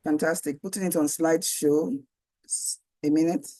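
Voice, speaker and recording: A woman giving an online training presentation over a video call. Her voice is going hoarse, and she talks conversationally, with many fillers and rhetorical questions. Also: low-pitched, fairly even intonation, moderate pace, mellow. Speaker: guest speaker.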